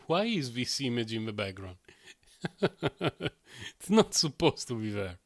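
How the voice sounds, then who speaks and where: Male streamer, mid-pitched, loose rambling chat with frequent chuckles. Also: sing-song, slow. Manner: rambling, self-amused, chuckles often. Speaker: game streamer. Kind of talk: casual live-stream chat.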